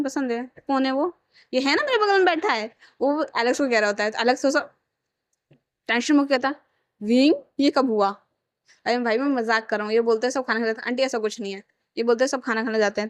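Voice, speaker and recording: A woman's voice: high-pitched, no room sound. A woman casually narrating a fan-fiction romance story, speaking every part herself with frequent restarts. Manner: retells all parts in her own voice, with many restarts.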